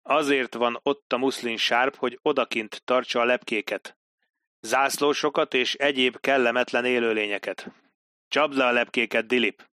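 A haughty army captain with a sharp, mocking edge, drawn out in a raised voice for an audiobook, as a male narrator puts him on. The tone stays forceful and close, with no room around it. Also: medium pitch, fairly even intonation, no echo, natural voice. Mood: sardonic. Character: pompous, sardonic male British army captain.

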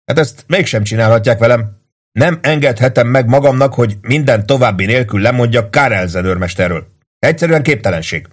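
A man voicing an excitable, fretful army lieutenant who bursts into agitated exclamations. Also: mid-range voice, voice pushed up, lightly acted. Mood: exasperated. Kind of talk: audiobook character voice.

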